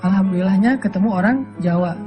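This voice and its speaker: A middle-aged male Islamic preacher from Aceh, giving a relaxed, humorous sermon that jokes and acts out voices in his stories. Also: high voice, fast, music in the background. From Aceh, Indonesia. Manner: joking storytelling, often laughing.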